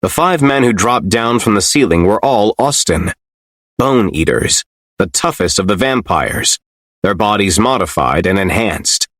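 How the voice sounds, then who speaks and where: A man narrating a fantasy audiobook in an expressive, storytelling manner. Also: lowish voice, measured pace, no echo, clean studio sound. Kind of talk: scripted fiction narration.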